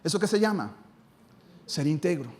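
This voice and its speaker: Man, pastor, high voice, emphatic live sermon, rhetorical questions. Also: lively intonation, moderate pace, darkish tone. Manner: emphatic, asks rhetorical questions and answers them. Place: church.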